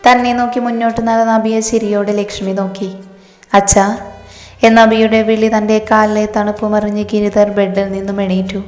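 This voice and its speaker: A woman reading a scripted story as narrator, in an even, flat manner. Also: medium pitch, a little fast, few pauses. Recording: reverberant room with faint music.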